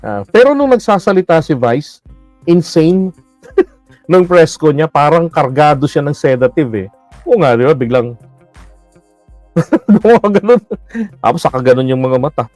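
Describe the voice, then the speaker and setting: A man's voice: a little high, animated, moderate pace, long pauses, darkish tone, no room sound, faint music behind. A man giving blunt, mocking political commentary in a casual livestream, laughing often and using many fillers.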